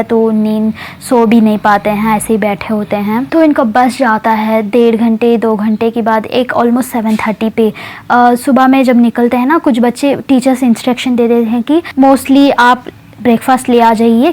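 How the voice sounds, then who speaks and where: A woman's voice: on the high side, a little mellow. A woman telling a story casually, in a chatty way with many hesitations and English words mixed in.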